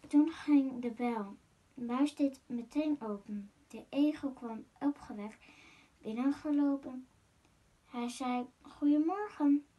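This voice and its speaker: A woman reading a rhyming children's picture book aloud as a masked guest reader, in a gentle, sing-song way. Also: high voice, takes it slowly, breathy edge.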